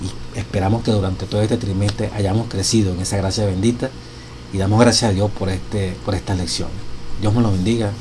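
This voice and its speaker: A man's voice: fairly low pitch, fairly even intonation, a little fast, background noise. A man teaching a Bible study lesson, earnest, reading quotations with emphasis and closing with blessings for his listeners. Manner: warm pastoral blessings to listeners. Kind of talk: Sabbath school lesson study.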